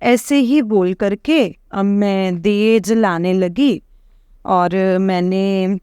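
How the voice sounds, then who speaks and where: Slow, smooth-voiced woman telling a devotional testimony. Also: medium pitch, mellow, no room sound, clean studio sound. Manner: meandering, with hesitant fillers and frequent address to the listeners. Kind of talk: rambling personal testimony to a congregation.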